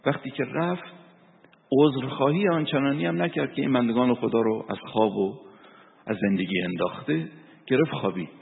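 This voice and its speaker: A man's gravelly, mid-range voice carries a cleric's sermon full of storytelling and recited verse and Quran. It comes through a tinny, phone-like recording with a long echo.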